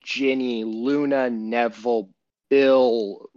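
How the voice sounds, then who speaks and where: A man's voice: mid-range voice, steady tone, slow, a little mellow, no echo, highs cut off. A man co-hosting a casual podcast, retelling a story in a profane, rambling way with many restarts. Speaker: podcast co-host.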